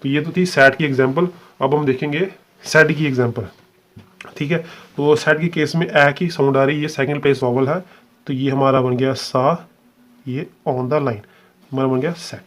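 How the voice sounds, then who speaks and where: A man's voice: fairly high pitch, steady tone, a bit bright. Patient male shorthand teacher. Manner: patient, repeats "ठीक है" and spells sounds out slowly. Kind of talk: step-by-step video lesson.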